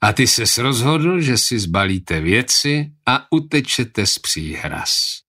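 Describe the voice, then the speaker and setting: A man reading an audiobook, voicing a male nobleman who speaks in a measured, reproachful way. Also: mid-range voice, expressive, bright, forceful tone.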